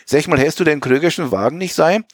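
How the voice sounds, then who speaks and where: A man voicing a stern, indignant middle-aged merchant consul who scolds gruffly in a Low German accent. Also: a little fast, no room sound, clean studio sound, close to an everyday voice. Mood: commanding.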